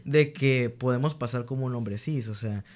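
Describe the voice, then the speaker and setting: Slightly slow and pitched in an ordinary middle range, a young man speaks in a relaxed interview. The guest teacher earnestly recounts candid stories about his students, reenacting dialogue with them and frequently restarting sentences while gathering his thoughts.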